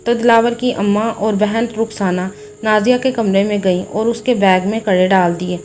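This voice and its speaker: A woman narrating a family story in a steady, plain storytelling manner. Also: medium pitch, moderate pace, slight background noise.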